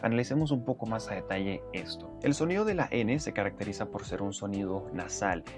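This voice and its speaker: Guy with a lowish voice going through a pronunciation lesson step by step, sounding out letters, some soft music under it. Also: expressive, brisk. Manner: methodical, breaks down sounds step by step; demonstrates sounds aloud. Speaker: pronunciation teacher. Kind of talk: explanatory lesson narration.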